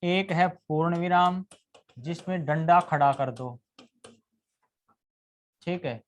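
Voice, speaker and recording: A man's voice: on the high side, slow pace. A man teaching a live grammar lesson, constantly quizzing his students with questions and answering them himself.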